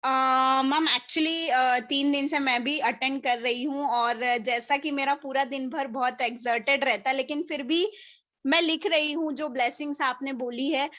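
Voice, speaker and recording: A woman's voice: sits high, steady tone, measured pace, fairly bright tone. A woman taking part in an online workshop, sharing her experience in an upbeat way with some hesitant fillers. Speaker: workshop participant.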